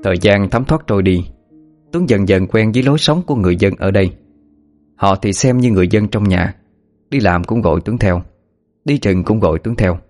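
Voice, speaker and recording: Low-voiced male storyteller. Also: fairly quick. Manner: steady, even storytelling. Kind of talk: scripted narration. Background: faint music.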